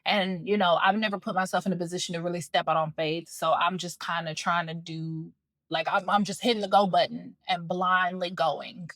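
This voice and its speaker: A woman's voice: fairly low pitch, fairly even intonation, normal speed, a bit bright, dry recording. A young adult woman, a comedian guest in a casual interview, upbeat but nervous and loose, with a rambling way of talking.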